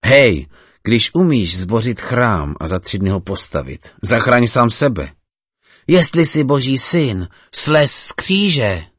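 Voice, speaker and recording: A crowd of mocking passersby calls out in loud, drawn-out taunts, as a man reading the scripture puts them on. The voice stays rough and breathy underneath, and the recording is dry and close. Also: mid-range voice, sing-song, no echo, pitched above the performer's own voice. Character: jeering male passersby mocking a condemned man.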